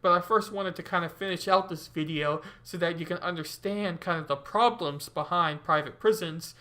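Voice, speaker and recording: Slightly high, loose-talking male host. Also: normal speed, sharp tone. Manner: rambling, loose, many fillers. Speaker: show host. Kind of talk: casual livestream commentary.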